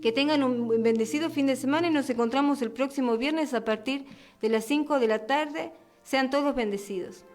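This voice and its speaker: A woman's voice: sits high, moderate pace, darkish tone. A woman preacher on a radio program, giving an earnest sermon and a long prayer, often repeating and restarting her words.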